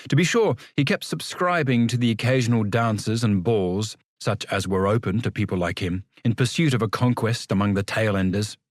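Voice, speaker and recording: A man's voice: fairly low pitch, normal speed, few pauses, no room sound, studio quality. A man reading a literary story as a scripted audiobook narration.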